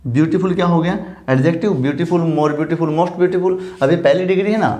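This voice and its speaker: A male teacher giving a grammar lesson, explaining in Hindi, reading English example sentences slowly, and asking questions he answers himself. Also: a little high, darkish tone. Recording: echoey room.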